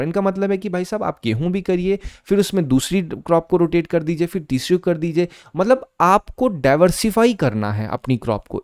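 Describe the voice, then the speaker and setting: A man gives an exam prep lesson in a smooth, resonant voice pitched a little high. He explains step by step and keeps quizzing his students, and he reads English exam questions out slowly. The sound is dry and close. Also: a little mellow, no echo. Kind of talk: lecture.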